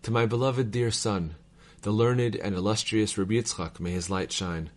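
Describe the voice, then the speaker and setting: Low-voiced man reading letters aloud. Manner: measured, formal reading cadence. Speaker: reader of devotional texts.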